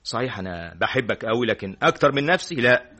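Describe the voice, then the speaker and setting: An actor with an Egyptian accent playing a self-assured, earnest young student who talks emphatically, in a classic radio drama. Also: male voice, medium pitch, lively intonation, fast, sharp tone, soft background music. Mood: emphatic. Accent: Egyptian Arabic. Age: young adult. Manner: emphatic, repeated denials. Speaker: student friend.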